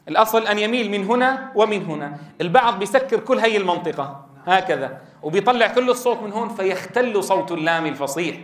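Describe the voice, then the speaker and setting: A man's voice: high voice, fairly bright tone. A man gives a classroom lecture on Quran recitation rules. He is emphatic, repeats his key points and addresses his listeners as brothers. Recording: echoey room.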